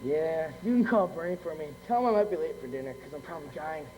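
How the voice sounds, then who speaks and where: A man's voice: on the high side, animated, fast talker, a little mellow, lightly acted. A school stage actor playing Uncle Mel, a brash showman who gets shot and whines melodramatically about dying. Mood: whimpering. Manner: brash, then whiny and melodramatic. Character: wounded middle-aged male showman, Uncle Mel. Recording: echoey auditorium, faint hum.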